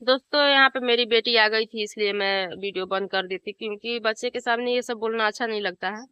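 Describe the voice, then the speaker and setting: A woman's voice: fairly high pitch, fairly quick, pushed and bright, smooth, no echo, lo-fi sound. A woman vlogger venting to camera in an angry, bitter way, trading insults and pleas.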